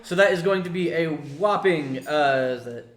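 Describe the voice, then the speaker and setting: A man playing a tabletop game, cheerful and excitable in casual chat. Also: on the high side, moderate pace, crowd noise. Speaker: player. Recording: echoey room.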